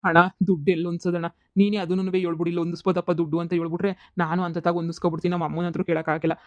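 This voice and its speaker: A man doing a distraught young village gambler for a cartoon comedy, talking fast and pleading. The voice sits fairly high and flat. It comes through dry and a little dull, like a lo-fi studio voice-over. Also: no room sound, lightly acted. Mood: despairing. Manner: pleading, rapid rural talk.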